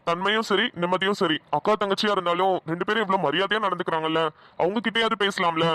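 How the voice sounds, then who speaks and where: A voice actor playing an elderly husband and father in a cartoon, gentle and fumbling, who stammers and coaxes. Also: mid-range voice, fairly even intonation, fast talker, no room sound, close to an everyday voice. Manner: stammering, coaxing. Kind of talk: cartoon dialogue.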